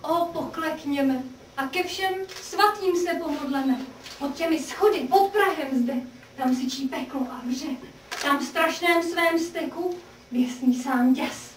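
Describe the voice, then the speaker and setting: A high, trembling young woman in a prison cell, half out of her mind with grief, played by an actress, begging in stagey verse, heard through a roomy, distant mic with faint hiss. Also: close to an everyday voice. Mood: terrified. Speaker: actor in a radio play. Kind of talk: theatrical verse radio drama.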